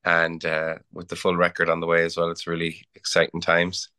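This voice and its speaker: A man's voice: deep voice, completely flat delivery, a little fast, bright, forceful tone, clean tone. An Irish man chatting as a musician guest in an interview, easygoing and laughing often, with frequent stumbles and repeated words. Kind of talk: casual interview chat.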